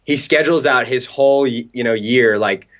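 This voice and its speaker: Speaking at normal speed with a medium-pitched voice, a young man from Southern California tells a lively story as a guest in an interview. He chats casually, using lots of filler words.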